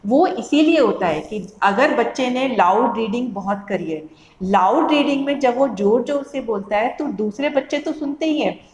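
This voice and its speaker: A woman teacher educator giving a lecture, explaining with everyday classroom examples and repeating key terms in two languages. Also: fairly high pitch. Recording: echoey room.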